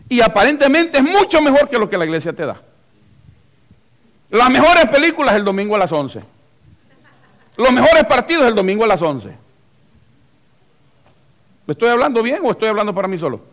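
A pastor delivers a lively sermon in church, his voice pitched high. He preaches animatedly, acting out small scenes and throwing questions out to the congregation.

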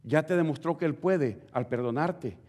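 Fervent preacher man, higher voice. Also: moderate pace. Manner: fervent, swings between loud and hushed; addresses the congregation directly. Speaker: pastor. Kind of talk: sermon.

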